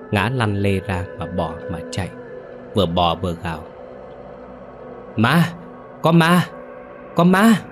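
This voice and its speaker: A man narrating a ghost story in a dramatic, vivid storytelling manner. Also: low-pitched.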